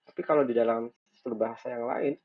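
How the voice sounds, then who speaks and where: A man's voice: mid-range voice, fairly even intonation, fast talker, husky. A man giving a recorded lecture, thinking aloud with frequent fillers and restarts. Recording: dull lo-fi recording.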